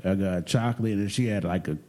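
A man co-hosting a casual talk show, telling a story in an animated, profane way. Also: deep voice, fairly quick. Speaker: podcast co-host telling a vacation story. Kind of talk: casual chat.

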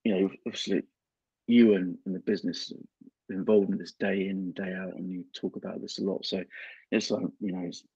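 An English man with a low, husky, darkish voice hosts an interview podcast over a remote call, chatting casually with a flat delivery. He speaks haltingly, often restarting sentences and using lots of fillers. The dry recording has dull, lo-fi remote call audio.

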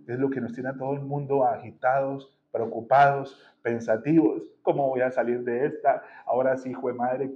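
Blunt pastor preaching. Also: male voice, medium pitch, a little mellow, lo-fi sound. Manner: blunt, colloquial, emphatic preaching. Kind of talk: sermon. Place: church hall.

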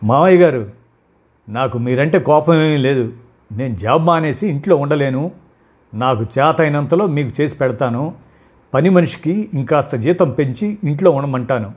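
A proud working wife, quick to anger, her voice raised high and loud with a breathy rasp. She argues indignantly and will not back down, as a male storyteller puts her on. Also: lively intonation. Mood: firm. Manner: shouting, indignant, heated. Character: angry young working wife, proud, sharp-tongued.

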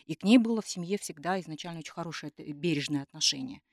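A woman's voice: low-pitched, very fast, a little mellow, dry recording, clean studio sound. A woman co-hosting a podcast in a conversational style, sometimes hesitantly searching for her words. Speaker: podcast co-host. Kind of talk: conversational podcast discussion with read-out quotations.

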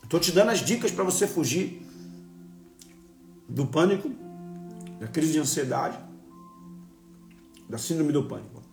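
Earnest preacher in an echoey room. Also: male voice, on the high side, animated, creaky, a little mellow, soft background music. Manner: earnest, emphatic, often slowing to stress words. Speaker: preacher hosting a live stream. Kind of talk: live-stream devotional teaching.

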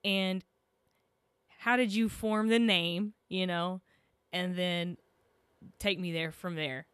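Female podcast co-host with a Texan accent. Unhurried, clear, dry close mic. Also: on the low side, fairly even intonation, fairly bright tone, no room sound. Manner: rambling questions, apologetic. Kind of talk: casual interview questions.

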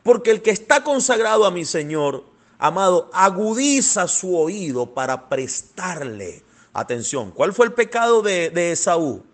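A man preaching a fervent sermon, calling his listeners beloved and swinging between soft passages and loud, thundering ones. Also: high voice, big pitch swings, measured pace. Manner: fervent, addresses listeners as "amado".

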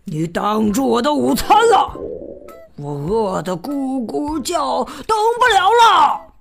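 A woman voicing a rude, hungry male elephant in a storybook, loud and bossy. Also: high-pitched, very animated, takes it slowly, creaky, soft background music, heavily acted.

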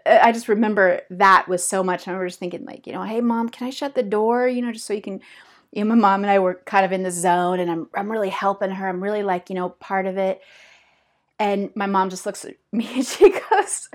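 A woman's voice: mid-range voice, fairly even intonation, fairly quick. Woman in her 50s rambling thru a story, lots of ums and restarts, laughs a lot. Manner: rambling, many fillers and restarts, laughs often. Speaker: podcast host. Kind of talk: casual personal storytelling.

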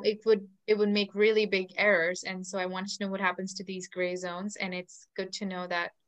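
A woman's voice: mid-range voice, a bit bright. A woman from India, asking thoughtful questions in a casual discussion.

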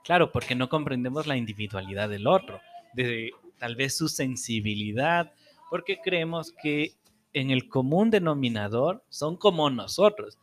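A man speaks as a psychologist guest on a podcast. His voice sits at a middle pitch, and he explains things in a calm, measured way.

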